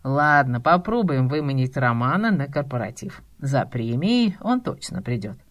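A woman reading an audiobook, voicing a dry, teasing middle-aged male publishing boss with a lowered, drawn-out delivery. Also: lively intonation. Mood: wry teasing.

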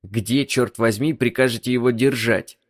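A man voicing an agitated young wife in a high, squealing, indignant tone in an audiobook. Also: fairly even intonation, normal speed, natural voice. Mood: alarmed. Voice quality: shrill. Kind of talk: audiobook reading.

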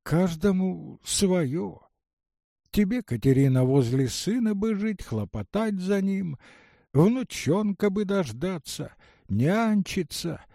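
A man's voice: sits high, expressive, takes it slowly, gravelly, mellow, no echo, clean studio sound, exaggerated voice. A man doing a touchy, dreamy old woman. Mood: gentle. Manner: earnest, plaintive, musing.

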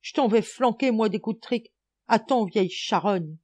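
A crude, excitable country schoolboy bellowing and cursing in coarse slang, his voice pitched high and pushed loud, as a woman reading a storybook puts him on. The tone stays mellow and warm. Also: measured pace. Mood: furious. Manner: coarse rural slang, shouting and swearing.

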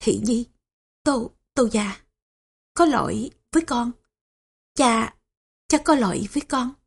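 A woman's voice: medium pitch, normal speed, creaky, a little mellow, slightly rough. A woman voicing a frail dying old father who stammers and speaks in weak, broken phrases. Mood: frail, faltering. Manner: stammering, faltering weak speech.

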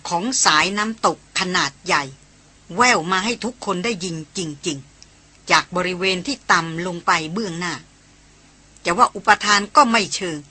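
A woman's voice: lowish voice, unhurried, bright, forceful tone, husky. A woman narrating a Thai adventure novel as an audiobook, reading the characters' dialogue in her own voice.

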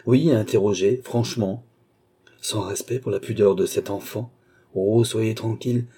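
A man's voice: lowish voice, fairly even intonation, unhurried, mellow, breathy edge. A man voicing a mysterious count, a mesmerist who gives firm, insistent orders, in an audiobook reading. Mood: commanding. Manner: commanding, insistent.

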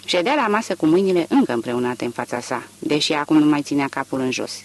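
A man reads a literary novel as an audiobook in an expressive, varied way. His voice is somewhat high and moves with lively pitch swings.

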